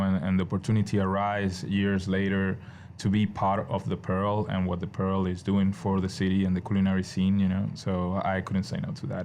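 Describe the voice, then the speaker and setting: A man from Venezuela speaks as a chef in an interview, his voice sitting very low. He explains things in a relaxed, searching way, full of little restarts. A faint hum of noise lies behind him. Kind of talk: casual interview.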